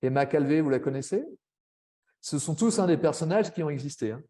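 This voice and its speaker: A man giving a webinar presentation to language teachers, chatty, with frequent tag words and quick asides. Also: a little high, animated, dark tone. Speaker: French language teacher trainer.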